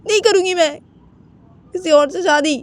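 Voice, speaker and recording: A woman's voice: very high-pitched, moderate pace, no room sound, voice pushed up. A woman voicing a college-age daughter who pleads with her father, repeating "papa" over and over in an amateur spoken story. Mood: defiant. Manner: repetitive, pleading with many "papa"s.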